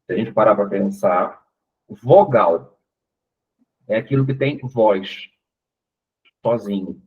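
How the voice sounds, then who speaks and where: Slow husky Brazilian man teaching. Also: on the low side. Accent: Brazilian Portuguese. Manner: patient, explains step by step with frequent "né?" checks. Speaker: English teacher. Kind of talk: online class explanation. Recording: tinny narrowband online call audio.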